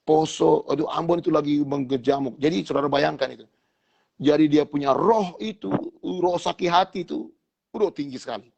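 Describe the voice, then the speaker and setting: A man's voice: fairly high pitch, normal speed, creaky, a little mellow, dull audio. A man with a Manado accent, a pastor telling his testimony in an interview and often addressing listeners as brothers.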